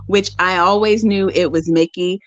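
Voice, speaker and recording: A woman's voice: on the low side, steady tone, moderate pace, no room sound. A woman co-hosting a podcast, chatting casually about a movie and retelling its scenes in detail. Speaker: podcast co-host. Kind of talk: casual movie recap chat. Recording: dry, dull lo-fi sound.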